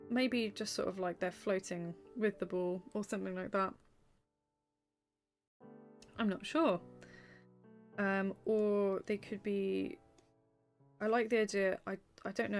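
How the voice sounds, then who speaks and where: A woman's voice: medium pitch, steady tone, measured pace, pauses often, faint music behind. A woman streamer chatting casually while she draws, reading out chat messages, with lots of ums and small laughs.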